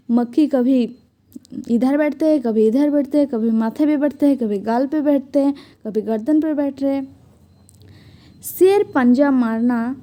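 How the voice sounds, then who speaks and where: Slow, soft-voiced woman teacher retelling a story. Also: high-pitched. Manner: reads a line, then explains it in simple everyday words. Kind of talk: reading a story aloud and retelling it for children.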